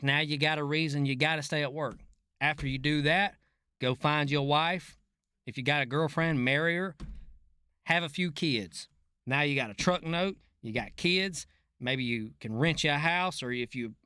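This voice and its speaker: A middle-aged reaction video host who once worked on an oil rig talks in a high-ish, pushed, bright, smooth voice. His unscripted take is folksy, slangy, and profane, captured in studio quality with no room sound.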